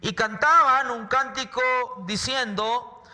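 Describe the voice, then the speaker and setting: A male pastor preaching with a very high, piercing, bright voice. He drives his points home by repeating words and throwing questions at the congregation. His voice rings with a long reverb in the church hall. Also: slow. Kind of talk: sermon.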